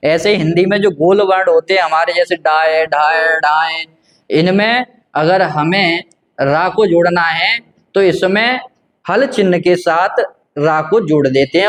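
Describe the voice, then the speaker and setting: Male teacher, high-pitched, patient and repetitive, walking through a grammar lesson. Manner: patient, repetitive, asks and answers his own questions. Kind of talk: grammar lesson explaining at a board.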